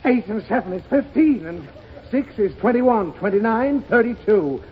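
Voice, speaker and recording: This is a dull, hissy 1930s radio broadcast with a studio audience, where a man acts out a flustered father struggling with his taxes. He sputters in theatrical exasperation, his high-pitched voice animated and moving at a normal speed.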